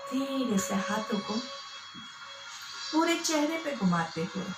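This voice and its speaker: Slow, calm woman counting breaths in a roomy hall. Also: sits high. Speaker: yoga instructor. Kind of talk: guided yoga and breathing class. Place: care center hall. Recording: roomy, from far off, with music.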